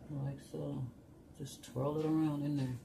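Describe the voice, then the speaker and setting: A woman's voice: sits low, level tone, a little slow, vocal fry. A woman in her home kitchen chatting casually as she walks viewers through each step of a recipe. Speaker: cooking vlogger. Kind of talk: casual cooking tutorial. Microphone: camera on the counter. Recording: noisy home video.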